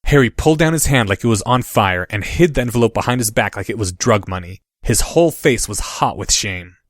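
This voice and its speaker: A man reading audiobook narration in a steady, measured way. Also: lowish voice, no room sound.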